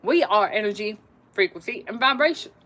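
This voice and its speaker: A woman talks casually to viewers on her livestream, full of energy, with frequent laughter and repeated phrases. Her voice is medium in pitch and fairly bright, with lively intonation and a slightly quick pace, and it carries easily.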